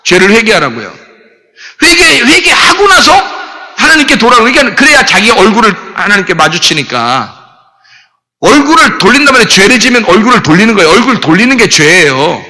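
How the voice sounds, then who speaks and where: A male pastor preaches a Sunday sermon in a high, very bright voice. He repeats his points and asks the congregation rhetorical questions. A long reverb from the church sanctuary trails behind each phrase. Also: sing-song, brisk. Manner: emphatic preaching with many repetitions and rhetorical questions.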